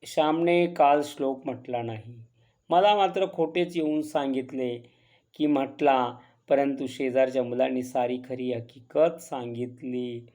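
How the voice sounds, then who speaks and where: A man's voice: mid-range voice, a little slow, a little mellow, lightly acted. A man voicing a stern yet loving village mother who scolds her son in an earnest, pleading way. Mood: reproachful.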